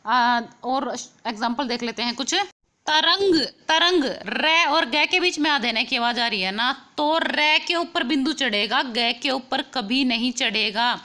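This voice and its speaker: Young woman doing an exam quiz lesson, bright slightly high voice, keeps asking questions back and repeating stuff. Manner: explains patiently, repeats key points, asks the viewer questions.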